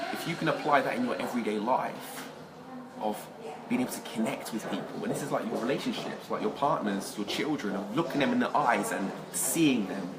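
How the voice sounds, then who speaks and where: A man hosts a casual live talk, enthusiastic and a little rambling, often repeating words. His voice sits slightly low. Clear ambient noise fills the background. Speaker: host. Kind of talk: casual conversation.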